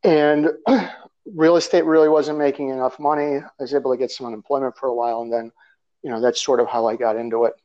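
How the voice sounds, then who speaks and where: In slightly dull lo-fi sound, a guest author from Russia describes where he comes from during a relaxed interview. His medium-pitched voice runs a little fast with fairly even intonation, and his talk wanders, dotted with fillers and brief laughter.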